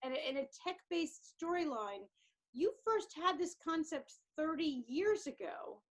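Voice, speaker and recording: A woman with a New York accent hosting an interview, enthusiastic and quick to react to her guest. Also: sits high, lively intonation. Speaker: host. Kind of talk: casual interview talk.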